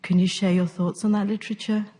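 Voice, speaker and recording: A woman's voice: medium pitch, level tone, fast talker, warm tone. A woman in the audience asking questions at a conference, polite and a little hesitant. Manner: polite, slightly hesitant, with fillers. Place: university conference room.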